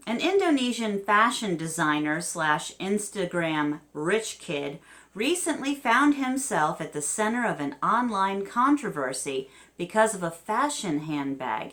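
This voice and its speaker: A woman's voice: lowish voice, fairly bright tone. A woman in her fifties with a New Jersey accent hosting a vidcast, reading odd news stories with chatty, wry asides. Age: 50s. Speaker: host.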